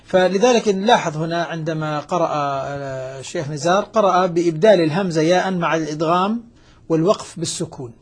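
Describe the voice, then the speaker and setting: A husky man with a fairly high voice explains recitation rules in quick speech. He pauses to demonstrate sounds carefully, as a teacher does on air. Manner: measured, demonstrates pronunciation.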